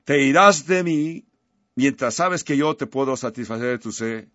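A man's voice: mid-range voice, animated, a little slow, pushed and bright, no room sound, lo-fi sound. A man voicing a fierce male lion from a storybook as he retells the story in a sermon. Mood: stern.

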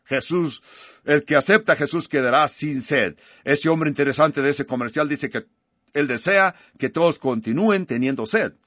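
A man's voice: fairly high pitch, normal speed, fairly bright tone, no room sound, lo-fi sound. A male preacher giving a sermon, telling a story and closing in prayer.

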